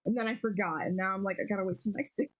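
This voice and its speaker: A playful woman chatting on a podcast stream, teasing and wheedling her co-hosts. Her voice is husky and slightly breathy, at an ordinary middle pitch. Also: rapid-fire. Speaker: podcast co-host. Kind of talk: casual chat on a live stream.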